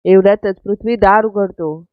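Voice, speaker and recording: A woman's voice: mid-range voice, moderate pace, no echo. Woman narrating a serial recap. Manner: steady storytelling narration. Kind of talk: retelling a TV serial episode. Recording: dull dry lo-fi recording.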